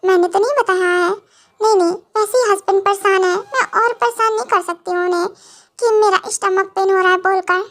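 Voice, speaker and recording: A woman's voice: extremely high pitch, brisk, fairly bright tone. A young woman voicing a naive, childish young wife in an amateur audio drama, whiny and speaking of herself in the third person. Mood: confused.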